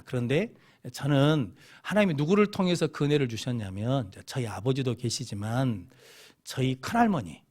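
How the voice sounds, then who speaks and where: A man's voice: medium pitch, darkish tone. A middle-aged man with a Jeolla accent, a pastor telling stories in a sermon and putting questions to his congregation. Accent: Jeolla Korean. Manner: storytelling preacher who keeps asking the congregation questions. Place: church sanctuary.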